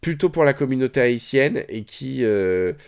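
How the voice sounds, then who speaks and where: Gravelly guy rambling away on a podcast, lots of euhs, keen and chatty. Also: medium pitch, lively intonation, normal speed. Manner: rambling, enthusiastic storytelling with many fillers. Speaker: podcast host. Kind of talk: casual chat.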